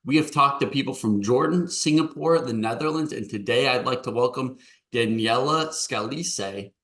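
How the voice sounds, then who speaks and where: A young man hosts a podcast with a bright, forceful voice. He speaks in a relaxed, friendly way, introducing his guest and steering the chat. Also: medium pitch, normal speed. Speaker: podcast host. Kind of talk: casual interview hosting.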